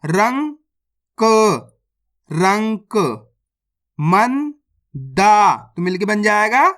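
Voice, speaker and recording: A reading teacher who sounds out words syllable by syllable, then says each whole, and checks with viewers that it is clear. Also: medium pitch, big pitch swings, very slow, fairly bright tone. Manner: addresses viewers as friends, asks if it is clear. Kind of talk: slow word-by-word reading lesson.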